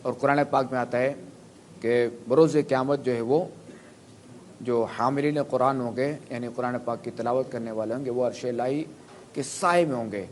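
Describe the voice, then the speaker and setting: A man's voice: medium pitch, darkish tone, slight background noise. A man preaching a sermon, explaining Quran pronunciation through spoken examples and asking his listeners to raise their hands. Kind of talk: sermon to a live audience.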